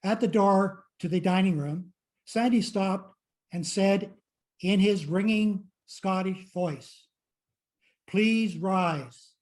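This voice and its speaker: A man's voice: high-pitched, slow pace, a little mellow. An older man, a guest, reading a prepared anecdote in a dry, understated way. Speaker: guest sharing a memory.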